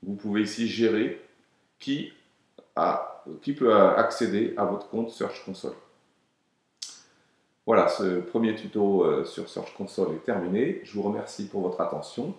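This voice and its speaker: A man with a fairly low voice talks through a software tutorial, calm and explanatory, pausing often to hesitate. The recording is very echoey, as if made in a bare, reverberant room. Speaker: web tutorial presenter.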